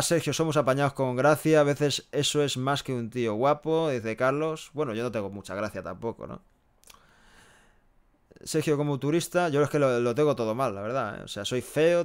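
A young man from Barcelona chats casually into a headset microphone in a small room, reading viewers' messages aloud and answering them bluntly. His voice is smooth and resonant at a middle pitch, and he keeps adding quick tag questions as he talks. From Barcelona, Spain. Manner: chatty, frank, tags sentences with "¿eh?" and "¿no?". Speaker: live streamer reading chat. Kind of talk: casual live-stream chat. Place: small room with a pale green wall, indoors.

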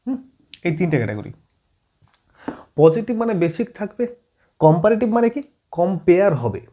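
A man teaching an English grammar lesson at a whiteboard, often checking in with his students and slowing down as he writes. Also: fairly high pitch, lo-fi sound. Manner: frequent check-in questions to students; writes on board while explaining, slowing down.

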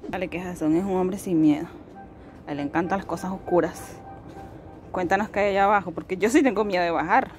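A woman's voice: on the low side, brisk, a little mellow, soft background music. A woman vlogging as she tours an outdoor cemetery, chatty and exclamatory, wondering aloud about what she sees. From Venezuela. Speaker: travel vlogger. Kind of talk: casual tour commentary.

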